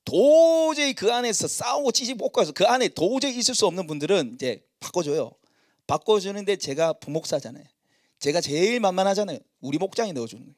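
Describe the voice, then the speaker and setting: A middle-aged male pastor preaching in a church, telling stories about himself in a lively, self-mocking way. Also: sits high, fairly quick, dry recording, studio quality. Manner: storytelling, animated and self-mocking. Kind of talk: sermon.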